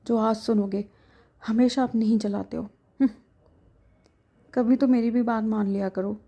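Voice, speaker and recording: A woman's voice: on the high side, steady tone, warm tone, highs cut off. A woman storyteller voicing a feisty young wife who insists she is fine. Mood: sulky. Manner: insistent, brisk.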